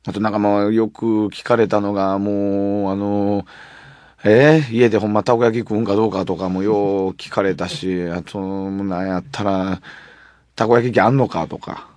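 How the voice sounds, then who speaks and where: A man's voice: lowish voice, moderate pace, no echo, studio quality. Chatty Kansai man on radio. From Kansai, Japan. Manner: chatty, animated storytelling with quoted voices. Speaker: radio host. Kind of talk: casual radio monologue. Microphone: studio mic.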